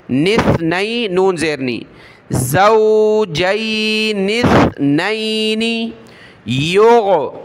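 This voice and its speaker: A man teaching Quran reading, spelling out letters one by one and then reciting each verse slowly and drawn out. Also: high voice, fairly bright tone, a little hiss or hum.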